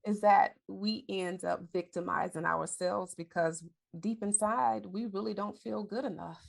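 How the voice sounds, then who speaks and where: With a mid-range, vocal-fried voice and fairly even intonation, this forties-aged podcast host takes her time. Her casual talk is candid and chatty, and she fixes her own wording as she goes.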